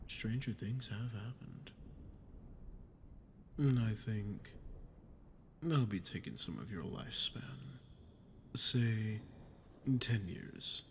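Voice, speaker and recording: Coolly menacing, a man voices a smug, gravelly, low-pitched archdemon in an ASMR audio roleplay, addressing the listener in a dramatic monologue while sadistically toying with a captive ruler. He mocks and condescends with slow taunts and breathy drops. Slight background noise is present.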